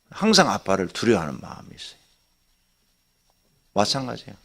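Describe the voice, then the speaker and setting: An older man, a pastor, preaching a conversational early-morning sermon, jumping between loud exclamations and near-whispers. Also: mid-range voice, creaky, husky. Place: church sanctuary.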